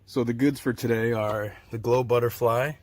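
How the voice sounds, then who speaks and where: A man vlogging casually, telling animated, excitable stories with fillers and laughs, partly recorded outdoors. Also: mid-range voice, moderate pace. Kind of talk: casual vlog storytelling.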